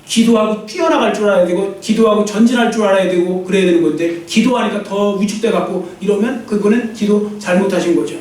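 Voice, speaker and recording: A man with a high voice preaches to a congregation, pressing his points hard and slipping into the voices of troubled people. He sounds far from the mic, caught in a very echoey church hall. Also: fairly quick, few pauses, a little mellow. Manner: emphatic, acts out quoted inner voices. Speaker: pastor. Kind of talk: sermon. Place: church sanctuary.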